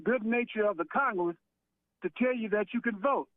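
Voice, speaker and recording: A man from Michigan calling in to a radio show, arguing in a combative, halting and insistent way. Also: high voice, no echo. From Michigan, United States. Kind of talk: live argument as a call-in radio caller. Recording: narrow-band phone line over radio.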